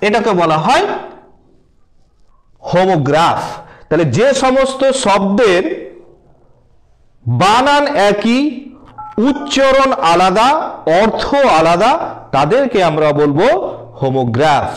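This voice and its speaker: A man's voice: high-pitched, sing-song, poor audio. A man teaching English grammar in a spoken lesson, repeating points and spelling words out letter by letter while calling his viewers friends. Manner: repetitive, spells words out letter by letter, slow deliberate emphasis. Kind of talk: spoken lesson explaining word meanings.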